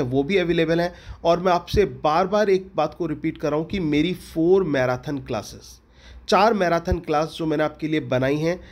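A man teaching English literature for an exam in a lecture style, with an Indian English accent, repeating questions and answering them himself. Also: fairly high pitch.

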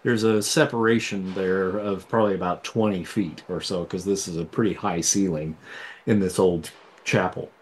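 Low-voiced man running a tabletop game. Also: moderate pace. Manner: relaxed, descriptive, with many fillers. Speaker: game master.

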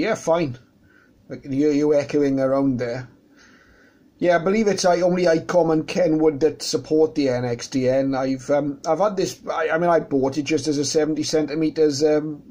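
Indoors beside his radio equipment, a man with a slightly high voice and dark tone chats casually as an amateur radio operator. He explains things conversationally during a radio contact.

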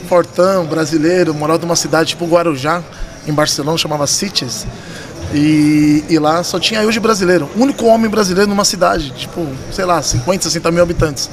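Recorded on a vintage-style desk microphone in a poker club room with a crowd murmuring behind, a man in his thirties with a São Paulo Brazilian accent guests on a podcast. The poker dealer and tournament director speaks slightly high and a bit fast with fairly even intonation, spinning casual, animated, slangy stories and repeating words for emphasis.

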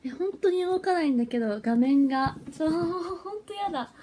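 A woman's voice: high-pitched, expressive, moderate pace, dark tone. A young woman, an idol, chatting casually with viewers on a phone livestream, giggly and easily flustered. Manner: chatty and giggly, flustered when her stream freezes.

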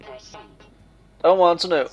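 A man's voice: a little high, slow, highs cut off, soft background music. A man giving casual, jokey commentary while playing a game, exclaiming and laughing often. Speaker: gamer playing on video. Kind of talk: casual let's play commentary.

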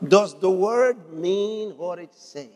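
A high-voiced male preacher delivering a sermon with fervent emphasis, repeating phrases and rising into shouts. His voice rings with the long reverb of a large hall. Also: expressive, slow pace, noisy background.

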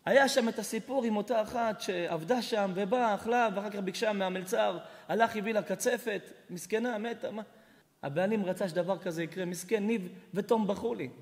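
A man, a rabbi, giving an emphatic Torah lesson, jumping from loud exclamations to hushed asides while telling stories. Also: high voice, fairly even intonation. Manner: storytelling with acted dialogue. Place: large hall at an evening lesson. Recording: hall reverb.

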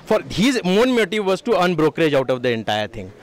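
A man's voice: fairly high pitch, sing-song. A man in his thirties, interviewed at an expo stall through a handheld mic, switches between English and Nepali while explaining his business. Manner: fast, mixes English and Nepali, gestures with both hands. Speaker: sponsor, real estate firm head.

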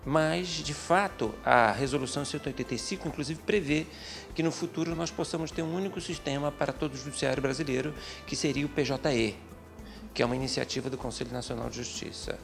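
A middle-aged man, a lawyer, answering interview questions in a small office, speaking in a measured, methodical way with frequent hesitant fillers. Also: medium pitch, creaky, over music. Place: small office with bookshelves, indoors. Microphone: handheld interview mic.

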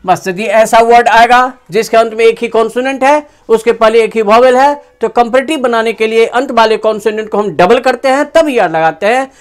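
A grammar teacher giving a lesson in Hindi. The teacher explains rules slowly and stretches words out while writing. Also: medium pitch. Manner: slow, drawn-out dictation while writing. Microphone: phone on a tripod with a clip-on mic.

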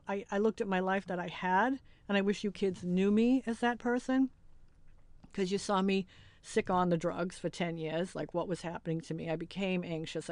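A woman's voice: fairly low pitch, dry recording. Candid, emotional middle-aged woman host. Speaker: podcast host. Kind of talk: casual podcast wrap-up chat.

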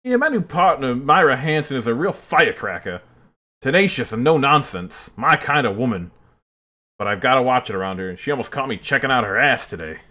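A man putting on a deliberately shoddy Brooklyn accent to play a crude, cocky male cop while reading notes aloud. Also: medium pitch, lively intonation, bright, forceful tone. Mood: swaggering. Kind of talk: reading game notes in a put-on voice.

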